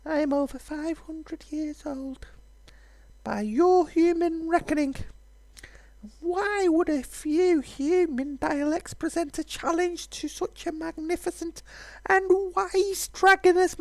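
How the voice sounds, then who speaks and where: A haughty, ancient male dragon drawls each word in a strained high pitch, grand and full of himself, with a Birmingham twang. The game voice is dry and close. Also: dry recording, exaggerated voice. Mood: lordly. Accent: Birmingham, put-on. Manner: slow, drawn-out, lordly speech.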